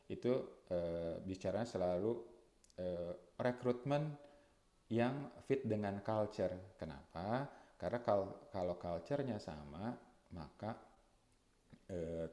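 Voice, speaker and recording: A man speaking at a webinar in a conversational way, often adding filler tags and slowing down to stress key words. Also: low-pitched, warm tone. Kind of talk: webinar talk. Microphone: webinar mic. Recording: echoey room.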